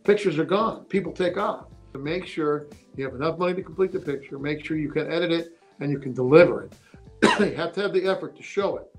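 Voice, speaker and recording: A man with a slightly high voice gives blunt, emphatic advice as an interview guest. He speaks plainly and with force. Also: fairly quick, faint music behind.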